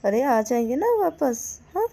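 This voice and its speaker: A woman voicing a gentle middle-aged mother who reassures softly in a storybook tale. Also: on the high side, animated, a little slow, gravelly, pitched above the performer's own voice, heavily acted. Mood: soothing. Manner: soft soothing reassurance.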